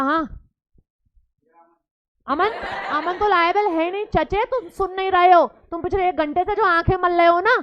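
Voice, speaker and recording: A woman's voice: extremely high pitch, no room sound, dull audio. A woman teacher giving a classroom lecture, switching between Hindi and English and teasing her students.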